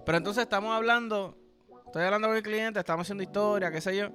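Puerto Rican guy, young, host; loose, foul-mouthed storyteller with a high, lifted voice. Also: fast talker, pushed and bright, faint music behind. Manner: profane, rambling storyteller. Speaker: podcast host. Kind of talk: casual comedic monologue.

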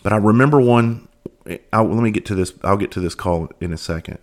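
A man with a fairly low voice delivers a casual, profane monologue as host of his own show. He speaks bluntly, like the former police officer he is, and piles up rhetorical questions, often repeating a word before a sentence gets going. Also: fairly quick. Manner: repeats words when starting sentences.

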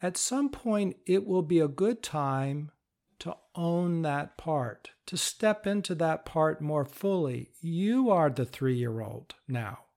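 A man giving a patient, step-by-step instructional talk, explaining calmly. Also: a little high, takes it slowly, creaky. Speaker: teacher of inner-parts work.

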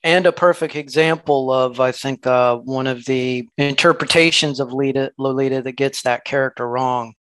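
A man co-hosting a podcast, talking about a novel in a measured, thoughtful way. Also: medium pitch, steady tone, fairly bright tone, dry recording. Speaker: podcast co-host. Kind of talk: casual literary discussion.

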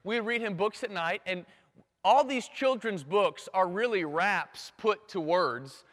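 A man preaching a sermon to a live audience, swinging from loud bursts to hushed near-whispers and making playful sound effects. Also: high-pitched, unhurried. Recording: long hall reverb.

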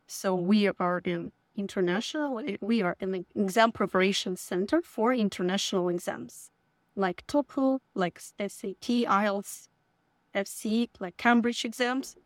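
A woman from Ukraine who learned the language later answers interview questions about her work. She speaks slowly and haltingly, with many fillers and restarts. Her voice is close and dry. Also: medium pitch, no echo. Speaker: guest, company founder.

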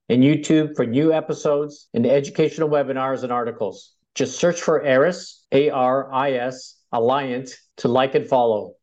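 A man's voice: medium pitch, a little mellow. A man hosting a podcast, addressing guests and listeners in a presenter's style. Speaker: podcast host. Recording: dull, band-limited audio.

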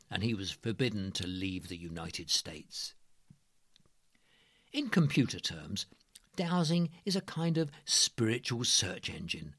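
Male narrator, scripted delivery, highly varied pitch, emphatic and measured, dry close sound. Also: fairly bright tone, dry recording.

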